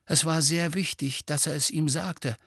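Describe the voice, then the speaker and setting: A man narrating an audiobook in a measured, dramatic reading. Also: on the high side, fairly even intonation, fairly bright tone, breathy edge, no echo, clean studio sound. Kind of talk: scripted narration.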